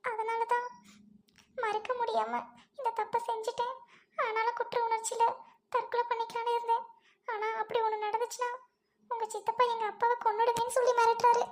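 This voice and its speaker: A guilt-stricken young maid , put on by a woman, pleads for forgiveness in a thin, very high voice. Her words come in a flat, tearful run with little rise and fall, played as melodramatic serial acting. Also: brisk, pauses often. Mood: tearful confession. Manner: tearful confessing.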